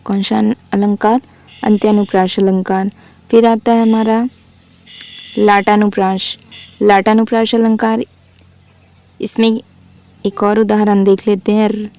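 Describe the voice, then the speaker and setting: A woman teaching grammar, asking questions and answering them herself, and reading verse examples slowly. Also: mid-range voice, flat delivery, dark tone. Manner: drills with repeated questions and answers. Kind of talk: Hindi grammar lesson.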